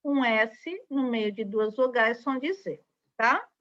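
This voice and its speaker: A woman's voice: on the high side, animated, slow, fairly bright tone. A woman with a Brazilian Portuguese accent teaching a recorded online lesson to young children, patient and spelling out syllables. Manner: patient, spells out syllables, frequent tag questions. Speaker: primary school teacher. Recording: dull lo-fi recording.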